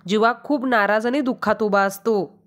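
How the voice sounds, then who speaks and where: A woman narrating a recap of a TV serial episode in steady storytelling, quoting each character inline. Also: mid-range voice, normal speed. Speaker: channel narrator.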